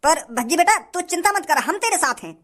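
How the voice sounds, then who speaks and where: A woman's voice: very high voice, expressive, fairly quick, a bit bright. A woman voicing a fickle older male villager in a cartoon, who talks in a rustic, stammering, pleading way. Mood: apologetic. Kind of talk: cartoon voice acting.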